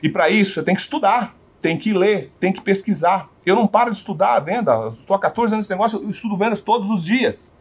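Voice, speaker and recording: Husky, animated Brazilian sales trainer. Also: male voice, sits high, quick pace, hardly any pauses. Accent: Brazilian Portuguese. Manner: animated, asks the audience rhetorical questions.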